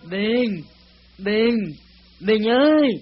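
A man voicing a frail, blind old mother who calls out and wails in grief, in a high, strained voice. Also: unhurried. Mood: urgent calling. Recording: slightly dull recording with faint music.

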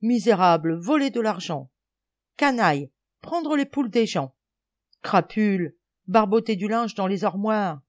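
A woman's voice: medium pitch, big pitch swings, normal speed, a little mellow, no echo, voice pushed up, natural voice. A woman reading an audiobook, voicing a rowdy bossy village boy who blusters and scolds in slang. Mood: scolding.

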